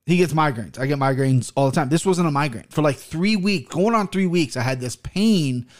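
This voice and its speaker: A man's voice: on the high side, expressive, normal speed. An American man hosting a casual solo podcast, rambling bluntly with some swearing while talking with his mouth barely open. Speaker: podcast host.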